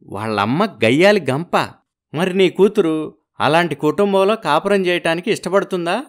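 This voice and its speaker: A man voicing a shrewd, middle-aged village matchmaker in an animated storybook, speaking bluntly and matter-of-factly. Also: high-pitched, moderate pace.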